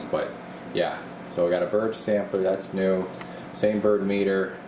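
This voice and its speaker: Behind the camera in his small electronics workshop, a radio repair channel host with a low-sitting voice offers an informal, unscripted show-and-tell, explaining casually as he films. The handheld camera mic captures a roomy space with steady noise like an air conditioner.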